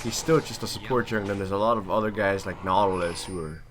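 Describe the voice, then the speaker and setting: The recording, made at home and clearly noisy, catches a man with a lowish voice talking fast as he plays and narrates a game, dry-humored and casual, throwing in mild swearing and trash talk.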